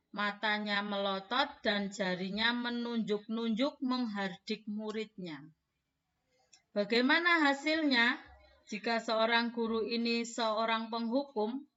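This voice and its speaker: A woman teacher giving a scripted lesson, speaking in a measured way and addressing her audience formally. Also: a little high, fairly bright tone, dull audio.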